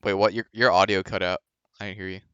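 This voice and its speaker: A man's voice: low voice, little pitch movement, fast, fairly bright tone, clean tone, dry recording, highs cut off. A young man co-hosting a casual podcast, rambling through jokey conspiracy theories and stories. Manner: rambling, joking conspiracy storyteller. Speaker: podcast co-host. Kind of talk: casual chat.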